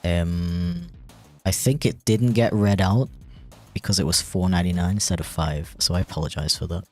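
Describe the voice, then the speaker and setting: A man's voice: low-pitched, normal speed, faint music behind. A man streaming while he animates, chatting casually and rambling with a self-deprecating tone and lots of fillers. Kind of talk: casual livestream chat.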